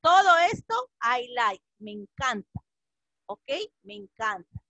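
Slow, high-voiced teacher woman. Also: sing-song, bright, forceful tone, dry recording, muffled recording. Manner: patient, repeats each phrase and translates it. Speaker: English teacher. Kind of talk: classroom lesson for children.

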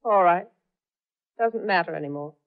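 A woman's voice: on the low side, normal speed, clean tone. Hunted female narrator, tense storytelling, 1940s radio acting, dull AM radio broadcast sound. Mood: frightened. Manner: tense first-person storytelling. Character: woman narrator, hunted and desperate. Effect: old AM radio broadcast sound. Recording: muffled 1940s AM radio broadcast with faint music.

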